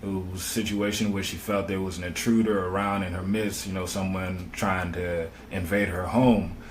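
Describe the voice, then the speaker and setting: A man's voice: lowish voice, a little mellow, a little hiss or hum. A man recounting events in a casual podcast discussion, full of "you know" and street slang. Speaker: guest commentator.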